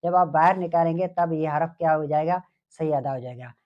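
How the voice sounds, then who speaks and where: A man teaching Quran letter pronunciation who asks his students questions and answers them himself, slowly drawing out letters and verses as he recites them. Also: a little high. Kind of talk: tajweed lesson with call-and-response questions. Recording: dull lo-fi recording.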